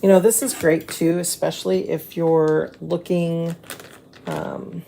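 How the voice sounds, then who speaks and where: A lowish-voiced woman gives a casual craft tutorial with a very creaky tone. Her S sounds are slushy and slurred. She chats to viewers and mutters to herself as she works, with some noise behind her. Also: fairly even intonation, takes it slowly, mellow. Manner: chatty, mutters to herself and to the materials while working.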